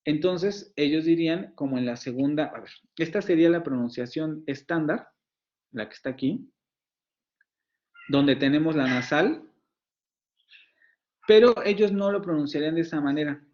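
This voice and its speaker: A man's voice: on the high side, moderate pace, a little mellow, lo-fi sound. A man with a Mexican Spanish accent giving an online university phonetics lecture, explaining patiently and repeating words as he demonstrates sounds.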